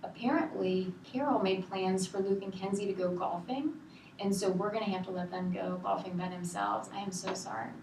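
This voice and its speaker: A woman in a counseling session, telling a story in an animated, exasperated way and acting out other people's lines. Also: medium pitch, moderate pace. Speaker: counseling client. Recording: echoey room, mic at a distance, clear background hiss.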